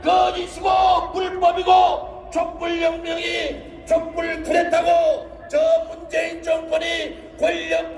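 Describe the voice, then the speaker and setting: A man giving a roaring, rallying political speech, shouting exhortations and drawn-out slogans to rouse supporters. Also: extremely high pitch, recorded from a distance. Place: large outdoor rally, heard over loudspeakers. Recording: echoey outdoor PA from afar, crowd noise.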